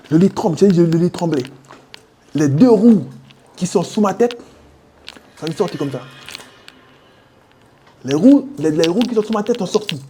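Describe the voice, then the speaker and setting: High, mellow-voiced French Guianese man. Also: a little hiss or hum. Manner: street slang, sound effects, addresses listener as brother. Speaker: interviewee. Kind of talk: animated personal storytelling.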